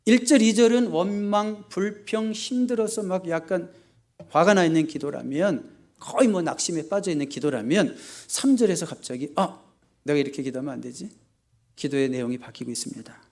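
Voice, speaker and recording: Animated Korean-speaking male pastor preaching. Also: high voice, normal speed. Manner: animated, swings between loud emphasis and quiet asides; asks the congregation rhetorical questions. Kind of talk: sermon. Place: church service.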